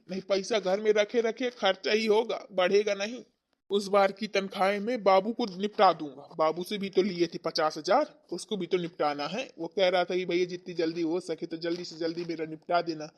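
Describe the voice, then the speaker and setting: A man's voice: high voice, lightly acted. A man voicing an anxious, debt-burdened father-in-law in a cartoon story. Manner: anxious, sighing. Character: worried indebted father-in-law, husband. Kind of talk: cartoon voice acting.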